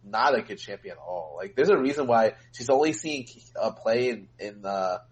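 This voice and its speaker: Animated male co-host explaining game tactics. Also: fairly low pitch, moderate pace, rough recording. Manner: animated, explains game mechanics at length, many filler likes. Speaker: co-host and streamer. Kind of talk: casual gaming podcast chat.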